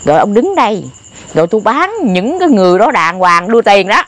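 A woman's voice: medium pitch, a little fast. Older Southern Vietnamese woman telling stories. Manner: animated, exclamatory, repeats herself. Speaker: interviewee. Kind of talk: casual storytelling. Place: outdoors by graves at night.

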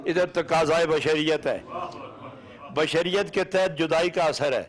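Preacher guy from pakistan, bit high-pitched, sermon in rhythmic repeated lists, punchy rising questions. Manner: rhythmic, repetitive lists of short phrases. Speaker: Sufi preacher. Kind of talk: sermon lesson on poetry.

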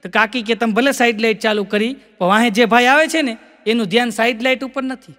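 A high-pitched, bright Gujarati man spins folksy comic tales on stage. He voices both sides of every joke and repeats lines for effect. A long reverb hangs behind his voice. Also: fairly quick. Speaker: stand-up comic.

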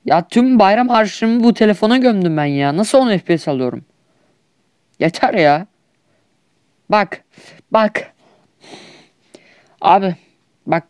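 A man's voice: high-pitched, animated, unhurried, pauses often, darkish tone, clear, resonant tone, no room sound. Whiny Turkish gamer guy, dry mic. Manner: whiny, exasperated trash talk. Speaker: gaming YouTuber. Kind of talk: comedic skit over gameplay.

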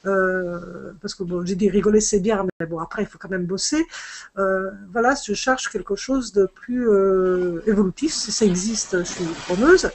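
A middle-aged Italian-speaking fashion designer chats casually on a video call from a room at home, using an earphone headset. She is hesitant, full of fillers and restarts, and her mid-range voice carries a little hiss or hum.

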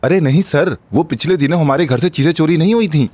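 Fields: a man playing a loud dim henchman. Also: fairly high pitch, quick pace, no echo, natural voice. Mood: eager. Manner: shouty, eager. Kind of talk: Urdu dub of a TV drama.

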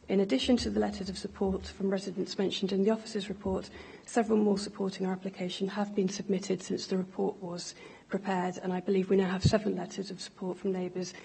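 A woman's voice: medium pitch, creaky, mellow, slightly rough. A woman in her thirties reading a prepared statement into a desk microphone at a public meeting. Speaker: pub owner addressing a committee. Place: council meeting chamber, indoors. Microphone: gooseneck desk microphone.

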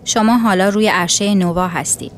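A woman's voice: mid-range voice, slight background noise, close to an everyday voice. Stern male sea captain voiced by a woman narrator, dignified and immovable; storybook reading. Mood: firm. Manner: firm, dignified, unyielding.

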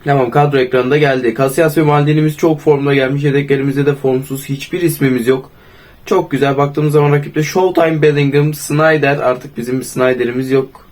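A hoarse young man with a cold, commenting casually on his own football video game match and calling out player names excitedly. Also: mid-range voice. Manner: excited, shouts player names, sometimes sings. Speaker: gaming YouTuber.

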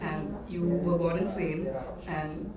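A woman's voice: low voice, fairly even intonation, takes it slowly. A woman interviewer asking questions hesitantly, with many ums and uhs. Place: festival lounge, indoors. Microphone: handheld mic. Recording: echoey room with crowd chatter. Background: crowd murmur.

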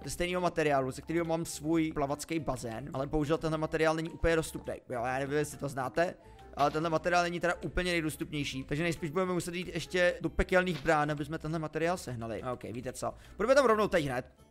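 Chatty young man narrating gameplay. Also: fairly high pitch. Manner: chatty, playful, self-mocking. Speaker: gaming YouTuber. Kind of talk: Minecraft let's play commentary.

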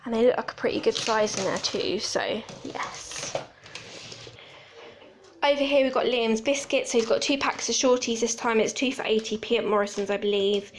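A young woman from the UK talks through her shopping in an easy, chatty way, moving from item to item with little asides. Her voice sits a touch high. A faint hiss runs under the phone recording in a home kitchen. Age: 20s. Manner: chatty, unhurried, listing items with small asides. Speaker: vlogger. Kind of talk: casual grocery haul chat.

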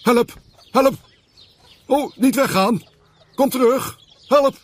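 A man's voice: big pitch swings, normal speed, darkish tone, breathy edge, heavily acted. A man voicing an anxious male village policeman who cries out shrilly for help in a cartoon. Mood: panicky. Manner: panicky high-pitched cries for help.

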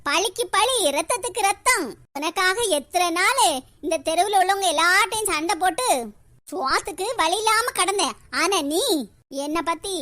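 A woman's voice: very high voice, expressive, normal speed, bright, forceful tone, no room sound, exaggerated voice. A woman voicing a scheming, vengeful neighbour auntie in a cartoon, gloating dramatically in a Kanyakumari Tamil accent.

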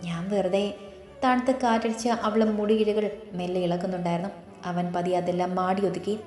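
A woman's voice: mid-range voice, a little fast. Woman narrating a romantic audio story. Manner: steady, storytelling. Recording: roomy, faint background music.

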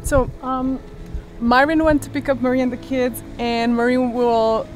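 Chatty high-voiced French woman vlogging. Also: measured pace, over music. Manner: chatty, excitable, with fillers. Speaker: sailing vlogger. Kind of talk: casual vlog narration.

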